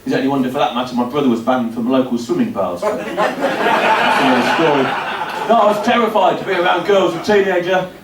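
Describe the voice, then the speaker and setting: A man in his 50s does a stand-up set on a comedy club stage, telling dry, self-deprecating stories with punchy asides to a laughing audience. His voice is a little high, animated and brisk. The recording is very noisy and roomy, captured from a distance in the live venue.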